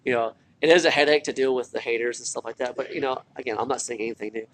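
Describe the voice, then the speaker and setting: A man with a medium-pitched voice talks fast with fairly even intonation, recording a motivational vlog in a hospital waiting area or corridor. He used to be a military recruiter, now works in online marketing, and sounds tired from too little sleep as he earnestly repeats himself for emphasis. Hospital background noise stays faint throughout.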